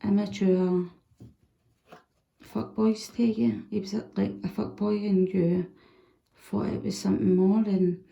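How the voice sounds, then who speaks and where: A woman giving a casual, chatty tarot reading, animated and swearing freely. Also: mid-range voice, measured pace, creaky, long pauses, roomy sound, highs cut off. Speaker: tarot reader.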